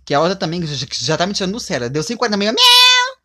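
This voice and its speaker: A woman's voice: fairly low pitch, lively intonation, rapid-fire, a bit bright. A woman, ranting dramatically and in exasperation in a comedic phone-call sketch.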